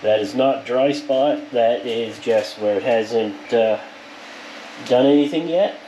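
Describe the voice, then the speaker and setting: Speaking slowly in a warm, medium-pitched voice, a powder coater walks viewers through his shop's work. It's casual, plain-spoken, hands-on explanation from inside the powder coating workshop. The recording is low quality, with clear shop noise in the background.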